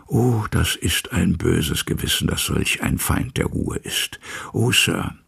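A man voicing an anxious old male servant in a storybook reading, talking in a hushed, half-whispered, pleading way with a husky, gravelly voice. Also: sits low, full character voice.

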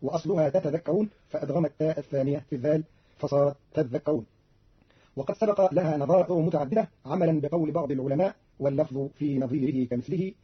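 A male radio announcer reads a scripted explanation in a brisk, matter-of-fact way. His voice is rough and husky, and he rattles through the text at great speed. The recording is dull and muffled, like an old broadcast. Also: on the high side. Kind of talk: scripted explanation of recitation variants.

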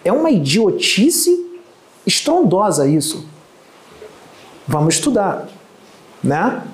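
A man's voice: high-pitched, wildly swooping pitch, slow pace, echoey room, rough recording. A man with a Carioca accent from Rio de Janeiro, a medium giving an emphatic, lecturing spiritual talk that scorns his critics. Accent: Carioca Portuguese. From Rio de Janeiro, Brazil.

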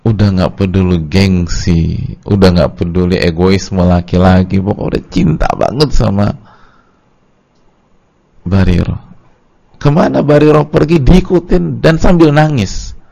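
A man with an Indonesian accent preaching at a religious study lecture, telling a story with lively, acted-out quoted voices. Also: low-pitched, a little slow, creaky, pauses often, muffled recording. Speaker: Islamic preacher.

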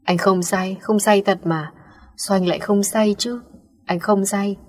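A woman's voice: medium pitch, steady tone, measured pace, a little mellow, natural voice. A woman voicing a drunk, remorseful young man who pleads and repeats himself. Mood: grieving.

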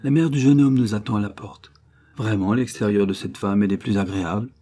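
A man's voice: fairly low pitch, steady tone, a little fast, mellow, lightly acted. A man voicing Marianne, a teasing young noblewoman. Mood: lively.

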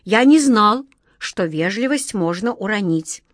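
A woman's voice: medium pitch, expressive, unhurried, no room sound, studio quality, lightly acted. A woman voicing a big, dutiful and anxious male genie who speaks solemnly. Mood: puzzled. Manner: solemn, formal, worried.

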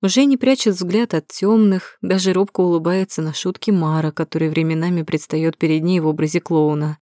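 A woman reading a first-person novel aloud in an even, measured storytelling manner, close to the mic. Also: fairly low pitch, no room sound. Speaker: audiobook narrator. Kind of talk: first-person audiobook narration.

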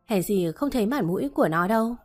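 A woman's voice: mid-range voice, animated, fast, faint music behind, natural voice. Woman reading as a scornful lady of the house. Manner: scolding, contemptuous. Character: harsh middle-aged woman, mistress of the house.

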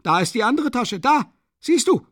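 A man playing a shrill, frantic woman. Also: big pitch swings, moderate pace, no room sound, studio quality. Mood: frantic shrieking. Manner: shrieking, scolding.

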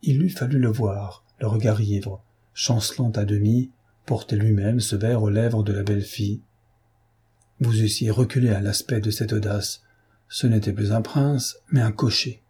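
Man, audiobook narrator, husky, mellow, measured. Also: on the low side, fairly even intonation. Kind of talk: reading of a classic novel.

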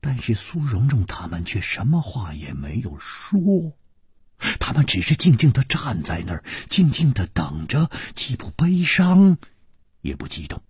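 A man narrating a martial arts novel as a storyteller, dramatic and swinging between loud and hushed. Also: medium pitch, huge pitch swings, measured pace, slightly rough, dry recording, clean studio sound.

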